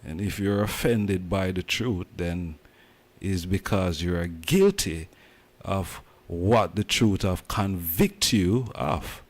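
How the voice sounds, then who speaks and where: Deep-voiced Jamaican man, emphatic. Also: expressive, takes it slowly. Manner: emphatic, preaching in Jamaican patois. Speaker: host. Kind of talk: casual commentary.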